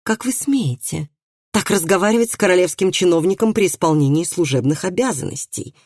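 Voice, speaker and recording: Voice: medium pitch, wildly swooping pitch, normal speed, a little mellow, breathy edge, no echo, heavily acted. Brief: reader doing bossy bailiff, curt orders, dry close sound. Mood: stern. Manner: curt, commanding. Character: stern, pompous royal bailiff obsessed with witchcraft.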